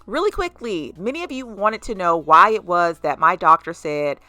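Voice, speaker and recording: A woman's voice: lowish voice, lively intonation, moderate pace, pushed and bright, dry recording. A woman hosting a casual home vlog, chatting to viewers with a lisp and whistly s sounds from braces. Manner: chatty, addresses viewers as guys. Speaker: host of a home and lifestyle vlog.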